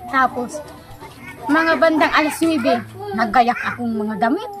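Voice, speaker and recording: Woman, interviewee, high voice, animated storyteller who laughs a lot; music bed underneath. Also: unhurried, over a noisy crowd. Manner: animated, laughs often, keeps addressing the host. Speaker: interviewee telling a personal story. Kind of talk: casual storytelling chat.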